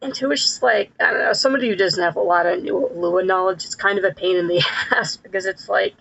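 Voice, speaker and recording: A streamer talking through a live gameplay session with a voice digitally pitched up like a chipmunk, rambling and correcting themselves with frequent laughs. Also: fast, gravelly, a bit bright, highs cut off. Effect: pitched-up chipmunk-like voice filter.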